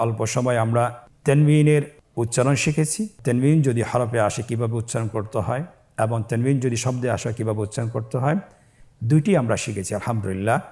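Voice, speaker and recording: A man teaching Quran reading in a recorded lesson, breaking words into syllables and blending them, with calm, patient instruction. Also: mid-range voice. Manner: slow, spells syllables then blends them louder.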